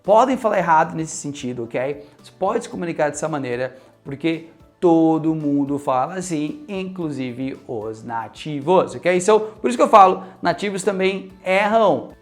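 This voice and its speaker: Animated Brazilian man teaching English. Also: a little high, moderate pace, hardly any pauses, faint music behind. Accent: Brazilian Portuguese. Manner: animated, mixes in English phrases, keeps checking in with "ok?". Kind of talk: casual video lesson.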